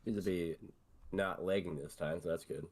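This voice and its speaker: Man, tabletop player, very deep voice, dark mellow tone, laid-back. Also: steady tone, normal speed. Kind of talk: casual chat during a tabletop game.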